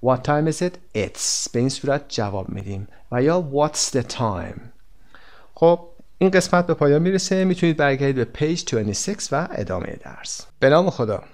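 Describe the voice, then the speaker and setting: A man teaching an English textbook lesson, explaining quickly and then saying the example phrases slowly and clearly. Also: mid-range voice, sing-song, darkish tone. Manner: switches between quick explanations and slow, stretched-out example phrases.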